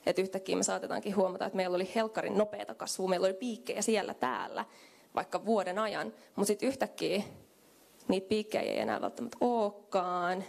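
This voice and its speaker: Holding a microphone in a hotel conference room, a young keynote speaker addresses a small crowd in a chatty way, using fillers as she thinks out loud. Her medium-pitched voice is expressive, creaky and darkish in tone.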